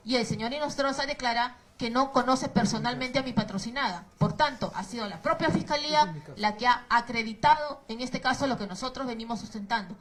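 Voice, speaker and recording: A woman's voice: sits high, a bit bright, low-quality recording. A woman defense lawyer with a Peruvian Spanish accent, arguing formally in a courtroom and laying out her points one by one with insistence.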